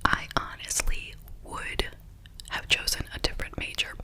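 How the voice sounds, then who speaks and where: A middle-aged woman chatting casually in a soft, breathy ASMR whisper, rambling along with gum-chewing mouth sounds. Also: normal speed. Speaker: ASMR video host.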